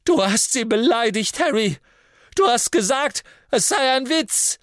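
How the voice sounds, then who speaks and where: A man voicing a lovesick teenage boy wizard who whispers breathlessly in his love-struck state and shouts shrilly when angry. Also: high-pitched, very animated, unhurried, husky, no room sound, clean studio sound, voice pushed up, heavily acted. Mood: shrill shouting.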